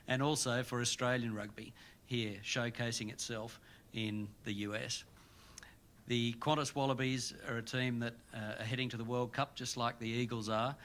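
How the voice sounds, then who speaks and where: Male rugby exec, low and monotone, formal press-conference delivery. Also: slight background noise. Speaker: rugby union official. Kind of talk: press event speech and interview.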